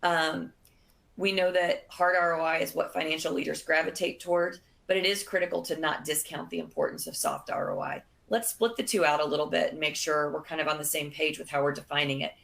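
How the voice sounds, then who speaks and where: A woman presenting a business webinar, losing her voice, in a measured delivery with frequent fillers. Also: deep voice, fairly even intonation, vocal fry, a bit bright.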